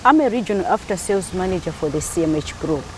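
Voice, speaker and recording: A woman's voice: fairly low pitch, expressive, fast talker, slight background noise, poor audio. Chatty woman from Malawi, interviewed. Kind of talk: casual interview.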